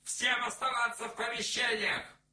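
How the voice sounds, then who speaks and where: Male reader voicing a commanding figure on a loudspeaker, raised and forceful, in a roomy space. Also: extremely high pitch, flat delivery, voice pushed up, full character voice. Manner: loud, commanding, drawn-out shouting. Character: menacing man barking orders through a loudspeaker. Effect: shouted as if through a loudspeaker. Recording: echoey room, far from the mic.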